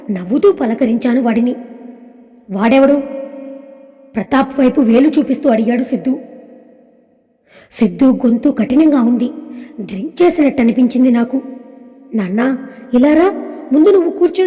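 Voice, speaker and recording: A woman telling an emotional first-person story in a measured, scripted way. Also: high-pitched, dark tone. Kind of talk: scripted narration of an audio drama. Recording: long hall reverb.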